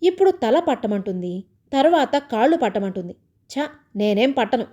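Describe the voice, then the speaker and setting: A woman's voice: fairly high pitch, animated, moderate pace, dark tone, muffled recording. A woman voicing an exasperated, indignant young man, the younger brother. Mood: grumbling.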